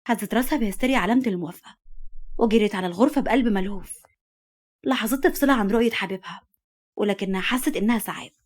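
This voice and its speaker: A woman with an Egyptian Arabic accent narrates a dramatic story in scripted style. Her pitch sits mid-range and she reads at a brisk pace. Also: darkish tone.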